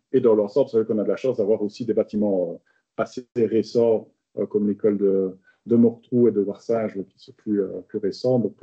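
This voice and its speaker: A man chairing a council meeting as mayor, explaining at length with many hesitations, recorded with dull low-fidelity sound. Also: dark tone. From Belgium. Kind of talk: council debate. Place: council chamber.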